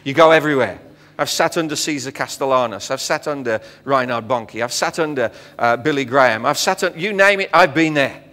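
Fairly quick and with few pauses, this mid-range, pushed and bright voice comes from a middle-aged English pastor on a visit. He gives a chatty sermon full of quips and fillers from a church hall stage to an audience. Long hall reverb colors the sound.

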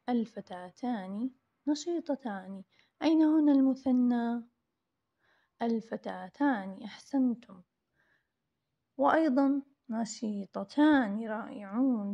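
Woman teacher going over grammar w kids, bit high and gravelly, lots of praise, kinda dull lo-fi sound. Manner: drills words slowly and praises often. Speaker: primary school teacher. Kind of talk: recorded grammar review lesson for young pupils.

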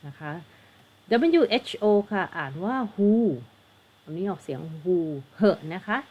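A woman's voice: medium pitch, normal speed, lo-fi sound. A woman with a Thai accent, an English teacher tutoring for an exam, patiently explaining and spelling words out letter by letter.

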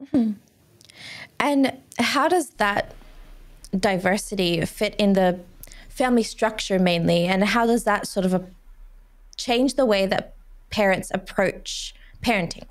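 A young woman in her twenties hosting a podcast interview into a studio boom mic, speaking in an open, personal, conversational way. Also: measured pace, long pauses. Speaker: podcast host. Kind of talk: casual interview chat. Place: small studio room. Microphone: studio mic on boom arm with headphones.

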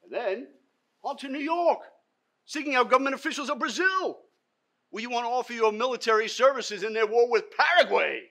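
An older man playing an aggrieved man in a theatrical dramatic monologue, reproaching someone with emphatic, accusing questions and deliberate pauses. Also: very high-pitched, bright, forceful tone, exaggerated voice. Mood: indignant accusation. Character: aggrieved man reproaching a former Confederate officer, accusing, sorrowful. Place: theatre stage, indoors.

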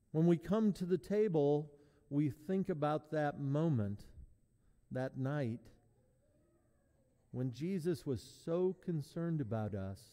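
A man serving as pastor, leading a sermon and communion in a measured, prayerful cadence, his voice ringing with a long echo in a large church. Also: on the high side, warm tone. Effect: long echoing church reverb. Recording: long reverb in a large hall.

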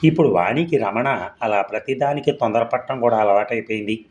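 A man narrating a short story in a measured, expressive storytelling manner. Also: lowish voice.

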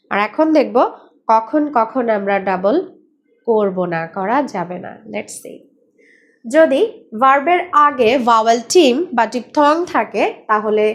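Woman phonics teacher, slow and deliberate, higher voice, echoey room. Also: lively intonation. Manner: slow, deliberate, repeats example words one by one. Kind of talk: explanatory lesson.

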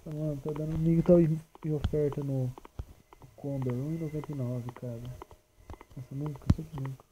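A man's voice: on the high side, steady tone, moderate pace, muffled recording, background noise. A teenage boy with a Brazilian accent commentating a horror game, nervous and joking, yelping at scares and talking back to the monsters. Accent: Brazilian Portuguese. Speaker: gaming channel host. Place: at home.

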